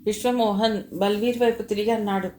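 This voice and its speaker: A woman reading a novel aloud as an audiobook narrator, with steady storytelling delivery. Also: medium pitch, fairly quick. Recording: roomy echo, faint background hum.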